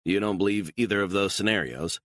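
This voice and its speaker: A man's voice: fairly low pitch, fairly quick, fairly bright tone, dry recording, studio quality, voice pushed up, close to an everyday voice. A man voicing an impatient intelligence chief who presses for answers. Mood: demanding. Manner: demanding, pressing.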